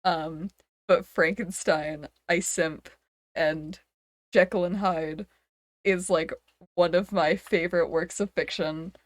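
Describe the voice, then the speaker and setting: Slow, giggly woman streamer chatting. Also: fairly low pitch, fairly even intonation, no room sound, studio quality. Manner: giggly, rambling, self-dramatizing. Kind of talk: casual chat.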